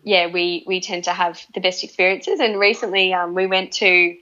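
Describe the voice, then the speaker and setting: A woman's voice: fairly low pitch, fairly even intonation, normal speed, pushed and bright, soft background music. A woman with an Australian accent talking casually as an interview guest, often repeating words and restarting phrases as she thinks aloud. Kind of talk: relaxed conversational interview. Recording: slightly dull, lo-fi audio.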